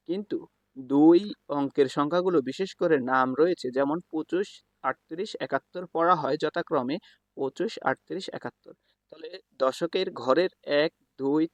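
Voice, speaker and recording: A man's voice: on the high side, no room sound, dull audio. A man teaching a school math lesson, explaining step by step with frequent fillers and self-corrections. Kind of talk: explaining a lesson while writing on a board.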